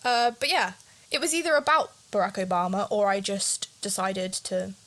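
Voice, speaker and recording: A woman's voice: mid-range voice, animated, moderate pace, fairly bright tone. A nervous young woman co-hosting a casual podcast, rambling and self-conscious as she chats. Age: young adult. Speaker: podcast co-host. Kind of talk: casual chat.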